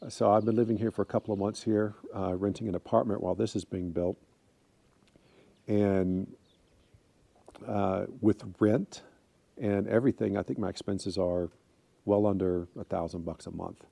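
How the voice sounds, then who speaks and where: A man's voice: low voice, gravelly, mellow, no echo. A man in his fifties from the United States, talking casually to camera in a rambling way with many fillers and restarts. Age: 50s. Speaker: vlogger.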